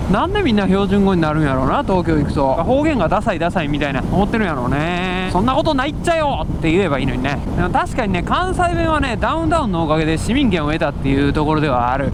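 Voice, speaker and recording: Kansai guy motovlogging, talks to himself, voice jumps around a lot, wind and traffic noise all over it. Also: a little high. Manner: chatty, musing aloud to himself. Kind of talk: casual travel vlog narration. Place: outdoors, riding a motorbike and walking around town. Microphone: helmet-mounted action camera with external mic.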